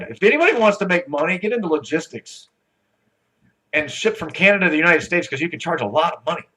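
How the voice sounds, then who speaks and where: A man's voice: on the high side, a bit bright, husky, rough recording. A man emceeing a conference on stage, telling rambling jokes before introducing the next speaker. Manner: joking, rambling storyteller.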